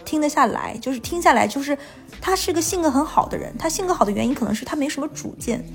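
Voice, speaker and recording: A woman's voice: high voice, lively intonation, fast, vocal fry, faint music behind. A woman co-hosting a chat show, talking frankly and giving advice on relationships. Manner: frank, opinionated, gives advice. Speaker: podcast co-host. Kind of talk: casual chat.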